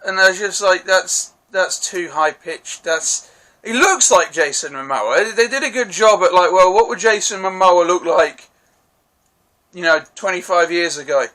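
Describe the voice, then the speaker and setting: A man's voice: high voice, measured pace, bright, forceful tone. A man giving a casual spoken film review, rambling and hesitant, with many fillers and restarts.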